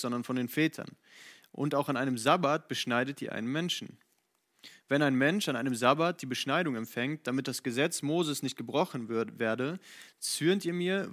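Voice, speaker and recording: A man reading the words of a calm male teacher aloud in a measured, earnest voice during a Bible reading. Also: mid-range voice, lightly acted.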